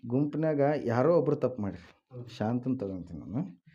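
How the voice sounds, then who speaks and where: A man's voice: mid-range voice, big pitch swings, moderate pace, dark tone, highs cut off. A man preaching a sermon who keeps asking the congregation questions, answering them himself and calling out hallelujah and praise the Lord. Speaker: pastor.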